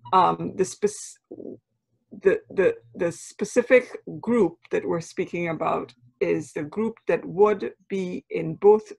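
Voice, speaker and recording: A Trinidadian anthropology professor, appearing as an interview guest, explains things patiently in a lowish, husky voice with vocal fry. She is measured, spells out her terms and keeps checking in with "right?"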